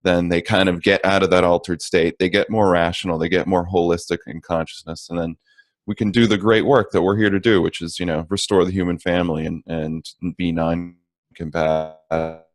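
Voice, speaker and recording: A man's voice: sits low, flat delivery, normal speed, no echo. A man talking as a guest in an interview, reflective and thoughtful, often restarting his sentences. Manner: reflective, with many restarts and fillers. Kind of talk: casual interview chat.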